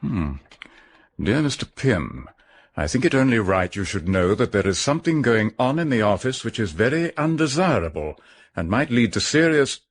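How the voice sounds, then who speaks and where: An actor playing a dry, steady police chief inspector in a radio drama, with an English accent and a measured, sceptical manner. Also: male voice, mid-range voice. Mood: dry, puzzled. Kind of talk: BBC radio drama acting.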